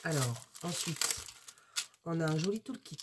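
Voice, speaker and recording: A woman's voice: low voice, expressive, unhurried, heavy background noise. A woman from France, a crafts YouTuber, chatting casually and rambling through a product unboxing with many hesitations.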